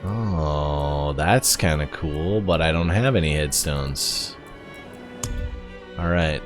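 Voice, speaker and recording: Deep voiced guy streaming a game, slow n halting, just thinking out loud, bit of music behind. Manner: halting, musing aloud. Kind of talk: casual gameplay commentary. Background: faint game music.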